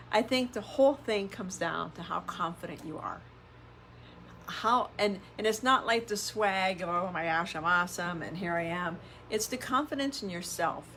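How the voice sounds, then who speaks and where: A woman's voice: mid-range voice, a bit bright. Middle-aged self-help influencer woman, emphatic, noisy recording. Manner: conversational, emphatic, repeats phrases and asks rhetorical questions. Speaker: self-help podcast host and coach. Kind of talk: motivational self-help influencer talk to camera.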